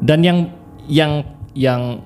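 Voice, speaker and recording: A young man telling a story casually, animated and laughing often as he mimics voices. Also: mid-range voice, a little hiss or hum.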